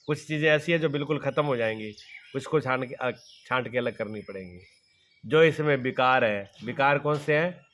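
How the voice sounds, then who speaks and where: A man's voice: medium pitch, moderate pace, fairly bright tone. A middle-aged man giving a devotional sermon as a spiritual teacher. He asks rhetorical questions, answers them himself, and repeats plain everyday examples. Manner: repetitive, folksy everyday examples.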